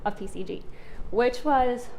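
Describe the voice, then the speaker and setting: A woman's voice: on the high side, a little slow, a little mellow, slight background noise. A woman hosting a light corporate interview series, upbeat and friendly as she asks her questions. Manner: upbeat and friendly, laughs easily. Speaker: host of a company video series.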